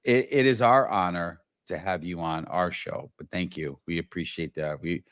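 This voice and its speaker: A man's voice: deep voice, moderate pace, a bit bright, dry recording, studio quality. A middle-aged man hosting a live-stream talk show, enthusiastic, often restarting and repeating words as he talks to viewers. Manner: enthusiastic, repetitive, many restarts. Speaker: show host.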